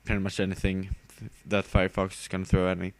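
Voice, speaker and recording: A man's voice: deep voice, completely flat delivery, fast talker, no room sound. A tired young man casually commenting on his own game battle, rambling with fillers and giggling at himself. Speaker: gamer narrating his battle.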